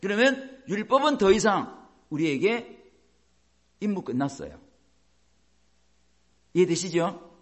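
A man's voice: sits high, big pitch swings, slow, long pauses. A man preaching a sermon as a pastor, explaining by asking the congregation questions and acting out quoted voices.

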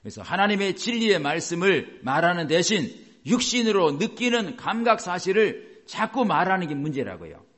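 A man preaching a sermon as a pastor, animated and often acting out the voices he quotes. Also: high-pitched, normal speed.

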